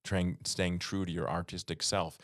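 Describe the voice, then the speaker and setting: A man's voice: low-pitched, flat delivery, normal speed, fairly bright tone, dry recording, studio quality. A man hosting an interview, reflective in tone, asking long, layered questions. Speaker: interviewer, host. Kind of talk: casual interview talk.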